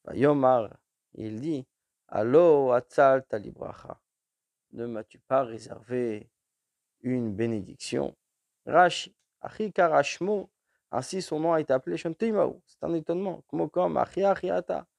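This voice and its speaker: A man teaching a verse-by-verse text study, reading each Hebrew phrase and then slowly translating it into French, with frequent restarts. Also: on the high side, gravelly, a little mellow, no room sound. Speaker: Torah teacher.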